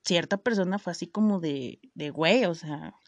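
A woman's voice: fairly low pitch, moderate pace, no echo. A young Mexican woman chats straight to her viewers, spilling a personal story in loose, slangy speech peppered with swearing and fillers. She keeps cutting herself off and starting over. The sound is dry and close, with no room around her voice. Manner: frequent self-interrupting restarts. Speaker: vlogger.

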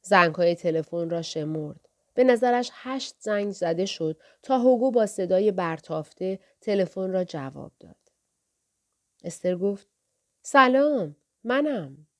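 Soft-spoken woman reading an audiobook. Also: on the low side, animated. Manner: soft, measured, often dropping near a whisper. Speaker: audiobook narrator. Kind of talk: scripted audiobook narration.

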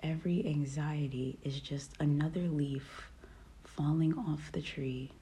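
A woman guiding a meditation in a calm, soft voice that often drops to a whisper. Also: low voice, measured pace. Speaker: podcast host. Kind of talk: guided meditation.

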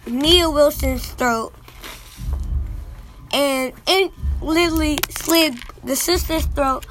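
A young woman with a high voice hosts a casual talk show, rambling through her stories. A faint hiss sits under her voice. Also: takes it slowly, a bit bright, rough recording. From Miami, Florida. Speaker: host.

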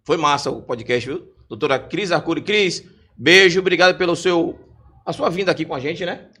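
High-voiced joking male podcast host. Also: moderate pace, bright, forceful tone, husky. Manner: joking, teasing banter, reads viewer comments. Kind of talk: casual live podcast chat.

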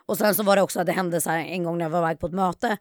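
This YouTuber in her twenties has a fairly low voice and is a guest on a podcast. Chatting casually, she tells animated stories and acts out people's quotes with a raised voice, all captured in clean studio sound without room sound.

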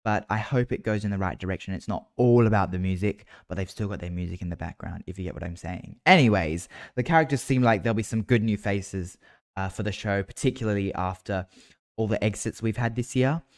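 An Australian man hosts a solo podcast, chatting casually and informally about a TV soap. His voice sits on the low side and moves at a brisk clip.

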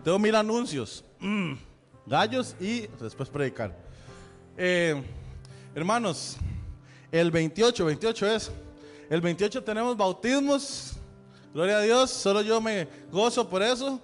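A man's voice: high-pitched, animated, unhurried. A male pastor with a Central American Spanish accent, giving chatty church announcements and joking with the congregation. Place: church sanctuary. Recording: long hall reverb with faint music.

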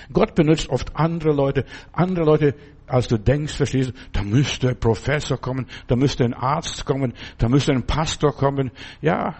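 A preacher with a medium-pitched, darkish, slightly rough voice gives an informal sermon full of personal stories. Speaking conversationally, he addresses the listener directly as a friend and keeps asking "verstehst du?" to check they follow.

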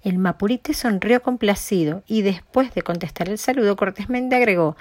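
A woman telling an animal folk tale, reading in a measured, expressive way. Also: medium pitch, dry recording. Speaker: storyteller. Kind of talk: scripted narration of a folk tale.

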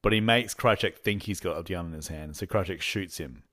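Deep-voiced man rambling through a recap. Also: fairly quick, pushed and bright. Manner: rambling, full of fillers and restarts, laughs often; acts out characters' lines when retelling. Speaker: podcast host. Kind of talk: casual recap chat.

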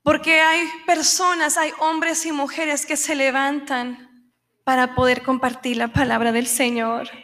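A woman's voice: high-pitched, level tone, a little slow, sharp tone. A woman preaching a sermon, telling a story with passion and acting out the people in it. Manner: impassioned, acts out quoted voices.

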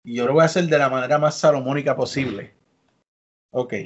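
A man's voice: medium pitch, fairly even intonation, brisk, husky. A man hosting a podcast, chatty and upbeat as he leads the talk. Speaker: podcast host. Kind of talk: casual podcast chat. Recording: dull lo-fi podcast audio.

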